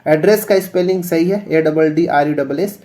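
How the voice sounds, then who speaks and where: A man's voice: a little high, moderate pace, dark tone. A male teacher explaining English spellings for exam preparation, spelling words out letter by letter and checking in often.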